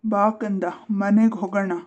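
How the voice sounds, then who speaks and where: A woman voicing a caring boy who calmly but firmly defends his little sister in a cartoon. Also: mid-range voice, normal speed, lightly acted. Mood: tender. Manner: calm, firm. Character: protective boy, caring older brother.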